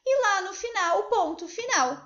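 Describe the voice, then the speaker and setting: A woman teaching a remote class to young children, lively and coaxing, asking many questions. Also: very high-pitched, moderate pace. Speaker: primary school teacher. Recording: slightly dull lo-fi recording.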